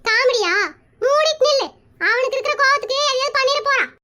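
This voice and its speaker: A woman's voice: extremely high pitch, fast talker, pushed and bright. A woman voicing a pushy, chatty married aunt in a cartoon comedy, who plays matchmaker and talks. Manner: brash, nosy, rambling.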